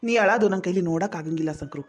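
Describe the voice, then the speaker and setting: A woman playing a sweet-talking young village man with a North Karnataka Kannada accent, coaxing and flattering his sweetheart. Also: fairly low pitch, racing, close to an everyday voice.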